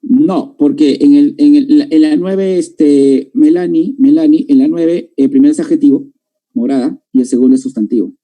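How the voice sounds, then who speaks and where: Male teacher, middle-aged, dark and husky, patient classroom explainer. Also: fairly high pitch, moderate pace, rough recording. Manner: explains step by step, checks understanding with questions. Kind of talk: classroom grammar lesson.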